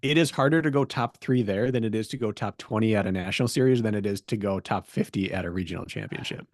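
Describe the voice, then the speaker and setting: A man's voice: fairly low pitch, fast, no echo. Joking man on a dry podcast mic. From middle of America. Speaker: podcast co-host. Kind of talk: casual chat.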